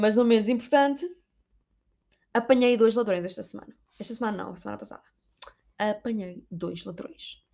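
A woman's voice: a little high, darkish tone. A young woman from Portugal with a European Portuguese accent, casually telling stories to her viewers and drifting into Spanish words. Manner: chatty and digressive, slips Spanish words into her talk. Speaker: vlogger.

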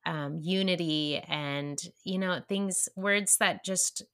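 A young woman co-hosting a podcast in casual chat, earnest and halting, with many fillers and restarts. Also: fairly low pitch, a bit bright. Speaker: podcast co-host.

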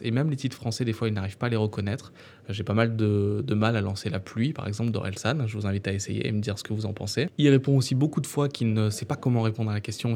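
A man hosting a tech podcast, talking casually and often filling pauses with "euh". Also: mid-range voice, mellow. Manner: conversational, frequent filler "euh". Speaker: podcast host.

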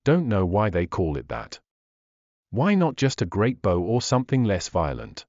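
A man voicing an elderly grandmother who keeps a tribe's records, brisk and chiding in a dry manner. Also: on the low side, wildly swooping pitch, darkish tone, no room sound, dull audio.

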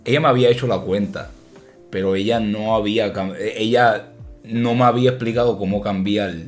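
A young Puerto Rican man hosting a podcast, telling stories in a casual, animated way and often laughing. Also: lowish voice, brisk, faint music behind. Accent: Puerto Rican Spanish. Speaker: podcast host. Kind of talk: casual storytelling chat.

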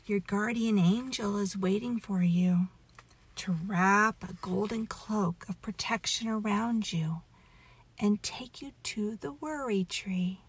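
Female meditation guide: unhurried, very airy half-whisper, gentle storytelling, intimate close-to-the-ear delivery. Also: medium pitch. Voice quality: soft, breathy, half-whispered.

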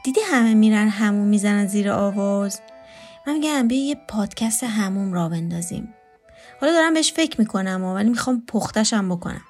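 A woman's voice: medium pitch, animated, darkish tone, close to an everyday voice. A woman voicing a sarcastic, bossy female houseguest who constantly teases, read as part of a story over faint music. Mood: teasing.

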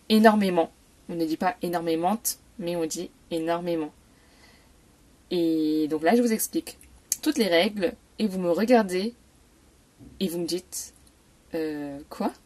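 A young woman hosting a podcast lesson, explaining expressions in a casual, unhurried way with many fillers. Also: on the low side. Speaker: podcast host teaching French expressions.

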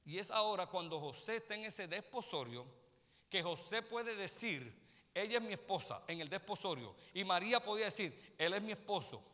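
Animated high-pitched preacher. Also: male voice, moderate pace, long reverb tail. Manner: animated preaching, often calls listeners "brother" and checks they follow. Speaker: pastor. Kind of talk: sermon. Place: church sanctuary.

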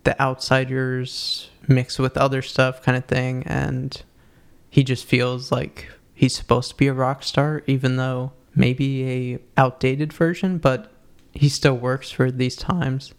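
A man's voice: medium pitch, level tone, takes it slowly, gravelly, smooth. A man co-hosting a podcast, casually reviewing new music with a laid-back delivery full of fillers. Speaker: podcast co-host.

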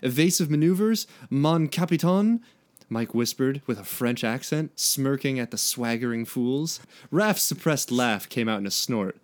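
A man's voice: medium pitch, measured pace, hardly any pauses. A man co-hosting a comedy podcast, reading a fan story aloud and chatting, often breaking into laughter. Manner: giggly, reads with bursts of laughter. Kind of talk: casual read-aloud with banter.

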